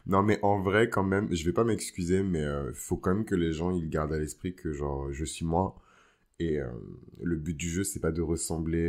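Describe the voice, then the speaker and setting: Very low-voiced man, casual podcaster. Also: darkish tone. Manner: informal, with English slang mixed in. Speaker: podcast host. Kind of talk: casual astrology podcast monologue.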